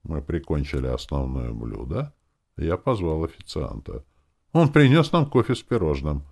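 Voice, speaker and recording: A male audiobook narrator with a very low voice and a lively, swinging pitch. He reads in the first person, dry and wry. Comic moments get a light, knowing touch. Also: moderate pace, vocal fry.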